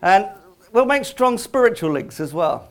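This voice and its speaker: A man preaches in a London Estuary English accent. His voice sits a little high for a man. He keeps the sermon conversational and informal, chatting to listeners with a lightly joking touch. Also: big pitch swings, unhurried. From London, England. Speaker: visiting preacher.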